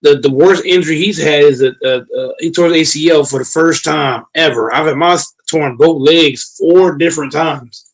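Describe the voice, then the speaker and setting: In his late twenties, this man talks casually and profanely, his voice a little high for a man. He repeats himself and stumbles over restarts while building up a point, at a moderate pace on poor audio.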